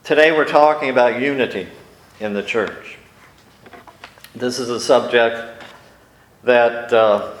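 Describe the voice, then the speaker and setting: A man preaching a sermon as pastor, speaking in a measured way with frequent pauses and fillers. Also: medium pitch, roomy sound, poor audio.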